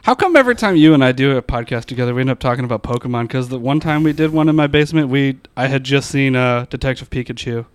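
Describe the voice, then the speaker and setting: A man's voice: mid-range voice, animated, fast, hardly any pauses, clear, resonant tone, no echo, studio quality. A man hosting a podcast in a home garage, chatting casually with crude, joking, profane humor. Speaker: podcast host. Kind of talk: casual comedic chat.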